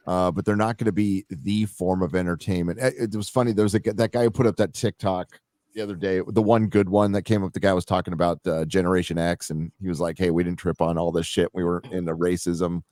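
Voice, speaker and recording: Low-voiced halting man chatting. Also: little pitch movement, darkish tone, no room sound, clean studio sound. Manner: halting, repeats words while thinking. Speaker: stream host. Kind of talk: casual panel chat.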